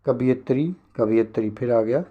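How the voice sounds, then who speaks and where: A man teaching a spelling lesson for an exam, briskly repeating each word to correct it. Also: medium pitch, muffled recording.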